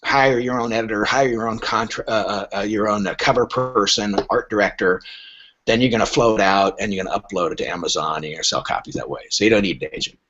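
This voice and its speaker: A fairly low-pitched man speaks quickly and casually as a literary agent guest on a podcast. He narrates animatedly, acting out imagined dialogue, over dull, lo-fi podcast audio.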